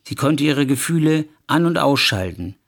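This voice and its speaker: A man's voice: fairly high pitch, moderate pace, creaky. Man reading a memoir aloud. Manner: expressive, acting out quoted dialogue. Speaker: audiobook narrator. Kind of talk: first-person memoir reading.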